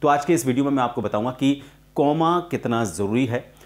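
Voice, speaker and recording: A man teaching a spoken lesson on voice-over, with slow, deliberate pauses and frequent "uh" fillers. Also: mid-range voice, lively intonation.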